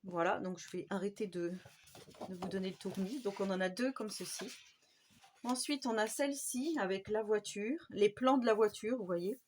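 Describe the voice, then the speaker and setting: A woman's voice: medium pitch, normal speed, a little mellow. A woman with a French accent hosting a casual craft vlog, chatty and enthusiastic, with many fillers. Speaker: scrapbooking channel host.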